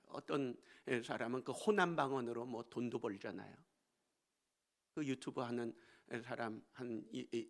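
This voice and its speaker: A male pastor preaching a storytelling sermon in a church. He swings between hushed asides and emphatic exclamations. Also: mid-range voice. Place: church sanctuary.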